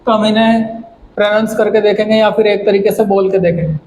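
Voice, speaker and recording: Guy teaching poetry scansion, high voice, goes over words one at a time, kinda echoey. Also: fairly even intonation, a little fast, a little mellow. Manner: patient, repetitive, breaks poetry lines word by word. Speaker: English literature teacher. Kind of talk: explanatory lesson in Hindi mixed with English. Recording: echoey room with faint background noise.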